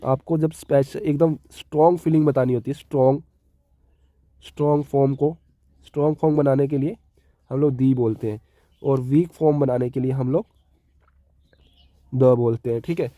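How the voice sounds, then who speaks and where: A man's voice: medium pitch, steady tone, moderate pace, pauses often, warm tone, no echo, clean studio sound. A man with a Hindi accent teaching an English grammar lesson, explaining step by step and often checking in with his listeners. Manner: repeats key words and keeps checking with "ठीक है".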